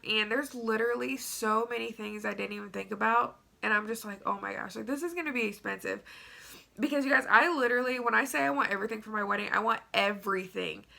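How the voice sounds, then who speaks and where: A young vlogger from Tennessee, nose stuffed up, tells her audience a story in a chatty, rambling way full of fillers. Her voice is fairly high, gravelly, pushed and bright, in a casual story-time vlog.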